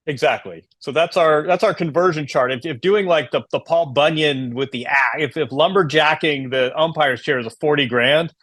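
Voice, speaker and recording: A man co-hosting a casual chat show, talking in a measured, analytical way with a wry edge. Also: a little high, a bit bright, no room sound. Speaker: podcast co-host.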